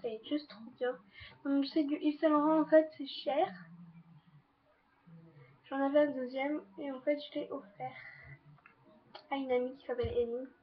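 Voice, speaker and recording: Teen girl beauty vlogger, high bright voice, chatty and loose, slightly dull home recording with faint hiss. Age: teens. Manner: chatty, repeats "donc voilà" and "trop, trop bien". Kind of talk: casual makeup review. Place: bedroom with a fan running.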